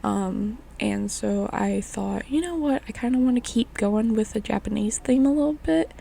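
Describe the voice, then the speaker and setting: A young woman speaks in a deeply gravelly, hoarse voice, raspy from a chest illness. Her tone is soft and mellow, and she rambles along in a chatty, casual voice-over. A faint hiss sits behind her. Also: normal speed. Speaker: craft vlogger. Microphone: voice-over mic.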